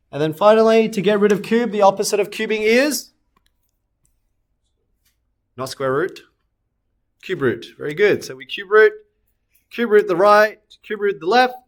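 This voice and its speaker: A man with a slightly high voice explains maths step by step in a recorded lesson. He poses questions to students and answers them himself, fixing his sketches aloud as he draws. Soft clicks come in behind him. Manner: talks students through steps, asks and answers own questions; self-correcting while sketching on screen. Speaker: maths teacher.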